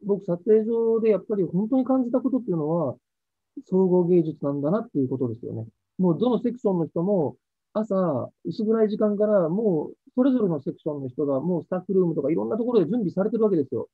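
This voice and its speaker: A man tells stories from his acting career in a fast, animated interview, his pitch high and swinging widely. His voice is husky. The sound is dry and tinny, like a phone line. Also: no echo. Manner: lively storyteller acting out quoted lines. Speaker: actor interviewed about a past role.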